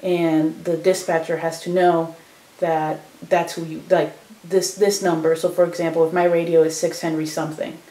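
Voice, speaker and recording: A woman's voice: sits low, flat delivery, normal speed, dark tone, roomy sound, low-quality recording. A young woman from Chicago telling her story in a casual oral history interview, full of fillers and quoted dialogue. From Chicago, United States.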